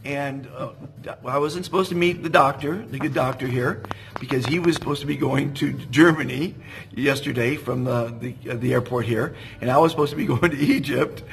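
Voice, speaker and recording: A man's voice: medium pitch, moderate pace, creaky, poor audio. A man interviewing a guest in a hotel cafe, talking enthusiastically and calling things fantastic. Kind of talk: casual interview chat. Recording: music playing under the speech. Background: music in the background.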